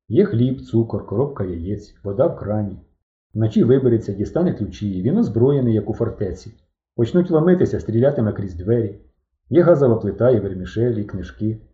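A man narrating an audiobook in a lively storytelling manner. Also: on the low side. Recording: dull, roomy recording.

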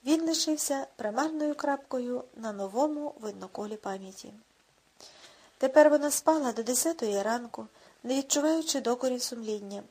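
A woman narrating an audiobook in a measured, even reading manner. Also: a little high, husky.

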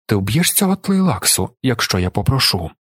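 A man voicing a grave, controlled male ruler who speaks calmly and with restraint in an audiobook. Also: moderate pace, breathy edge, no echo, studio quality, exaggerated voice. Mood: restrained. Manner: restrained, calm, low-voiced.

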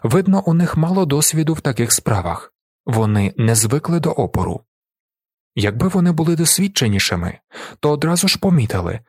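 A man reading a first-person story as an audiobook, with lively, expressive delivery. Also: mid-range voice, husky, dry recording, clean studio sound. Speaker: audiobook reader.

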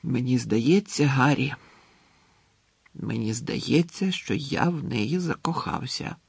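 A man's voice: fairly high pitch, expressive, a little slow, no echo. A man voicing a moody, lovesick teenage boy who sighs and pleads in anguish, reading a storybook aloud. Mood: dreamy.

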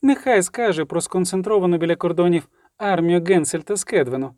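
Стара чарівниця з аудіокниги у виконанні чоловіка-читця промовляє спокійно, владно й гостро. Її тон м'який і приглушений, а запис сухий і близький. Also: male voice, sits high, a little mellow, dry recording, clean studio sound, close to an everyday voice. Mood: cool, commanding. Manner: measured, stately, cutting. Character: cold, calm, authoritative elder sorceress.

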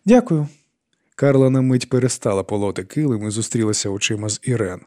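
A man reading an audiobook as its narrator, telling the story in a calm, even way. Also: lowish voice, quick pace. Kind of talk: scripted narration.

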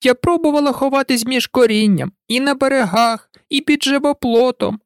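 A reader voicing a frantic, shrill female pigeon who scolds and shrieks in a storybook recording. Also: moderate pace, clean tone, dry recording, studio quality. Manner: scolding, indignant, breaking into cries. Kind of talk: audiobook reading.

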